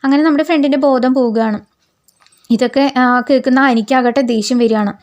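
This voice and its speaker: A woman with a fairly high voice retells the plot of a TV serial in a casual spoken way. She fills pauses with drawn-out filler sounds and often restarts her sentences. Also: darkish tone. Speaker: serial recap narrator.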